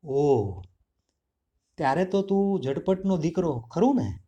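A man's voice: a little high, sing-song, slow, mellow, lo-fi sound. A man voicing a hungry, sly male jackal in a storybook reading, speaking in a falsely sweet, wheedling way.

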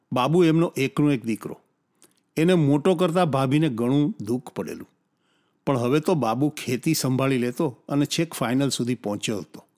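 Man narrating a story, higher voice.

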